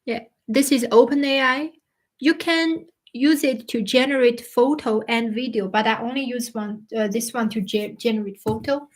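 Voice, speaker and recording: A woman in her thirties hosting a casual live stream, chatting and answering viewers' questions, often pausing to search for words. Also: fairly high pitch, steady tone, rough recording. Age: 30s. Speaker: livestream host.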